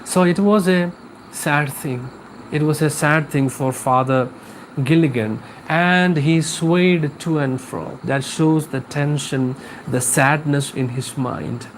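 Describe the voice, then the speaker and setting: A man's voice: a little high, slow, a little hiss or hum, low-quality recording. A man teaching an English class live, explaining a poem with repetition and questions to his students.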